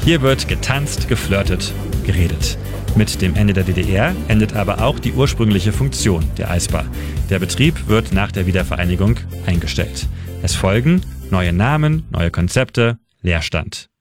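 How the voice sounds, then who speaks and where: A man's voice: deep voice, lively intonation. Man narrating a radio history feature. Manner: measured, with dramatic pauses in lists. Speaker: radio editor and city guide. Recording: narration over loud music bed.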